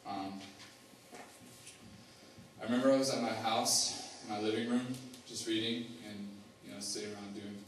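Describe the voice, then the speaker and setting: Young man halting through a testimony in an echoey hall. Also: on the low side, fairly even intonation, slight background noise. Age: young adult. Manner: halting, many fillers and restarts. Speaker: student giving a testimony. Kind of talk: personal testimony. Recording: echoey hall, mic far off, faint ambience.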